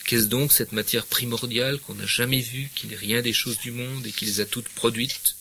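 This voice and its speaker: A man's voice: medium pitch, normal speed, slight background noise. A middle-aged man giving a literature lecture, reading passages expressively and adding hesitant remarks. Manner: expressive reading, hesitant fillers when commenting.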